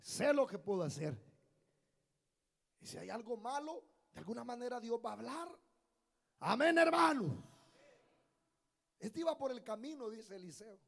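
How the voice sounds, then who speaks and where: A man, preaching a sermon in a church, breaking into loud shouted lines and acted quotes. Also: high-pitched, creaky. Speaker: pastor. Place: church in Maryland.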